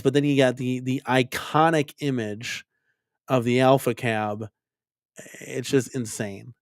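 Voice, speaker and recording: With a medium-pitched voice captured in studio quality and no echo, the host of an arcade-collecting live stream talks loosely and rambles. He leans heavily on "right?" and "like" and repeats his words.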